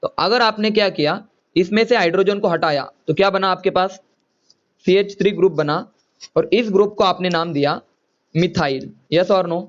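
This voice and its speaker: In this lo-fi classroom lecture, a high-pitched man speaks at a moderate pace. He teaches chemistry to students, frequently repeats himself, and nudges them to respond.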